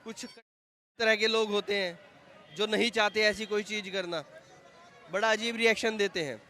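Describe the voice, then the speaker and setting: High-pitched male street reporter, prompting. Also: fairly even intonation, moderate pace, pushed and bright, some chatter behind. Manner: prompting, finishes the guest's sentences and asks leading questions. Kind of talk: street interview.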